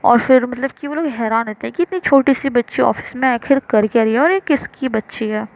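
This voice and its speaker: A woman's voice: on the high side, a little fast, dry recording, highs cut off. A woman narrating a love story casually, with many fillers and restarts. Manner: loose, filler-heavy retelling.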